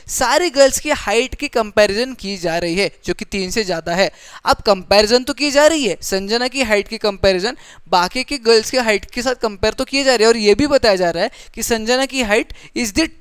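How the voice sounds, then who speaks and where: A woman's voice: fairly high pitch, clear, resonant tone, no room sound. A woman teaching a grammar lesson in a patient way. She repeats her points and often checks that the class understands. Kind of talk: grammar lesson mixing Hindi and English.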